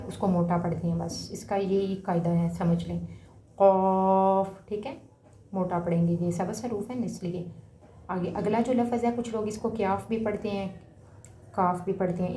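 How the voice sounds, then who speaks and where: A woman's voice: mid-range voice, a little hiss or hum. Patient woman teaching letter sounds, echoey room. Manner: patient, repeats each letter sound several times with pauses; drawn-out sounding of letters, louder on the examples. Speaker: Quran reading teacher. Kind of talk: slow spoken lesson for children.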